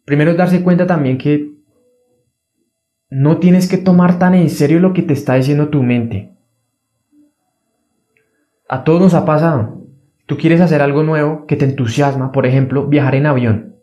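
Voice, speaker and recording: A man's voice: normal speed, pauses often, dark tone. A man giving an earnest motivational self-help talk, repeating key phrases for emphasis. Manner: earnest, repetitive, acts out a fearful inner voice in a higher pitch. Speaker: motivational speaker.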